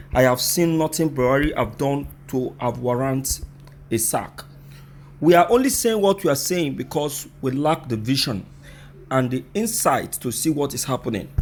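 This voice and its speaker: A Nigerian-accented man with a fairly high voice gives opinionated news commentary, addressing his listeners directly in an emphatic, rhetorical style. A little hiss or hum is audible.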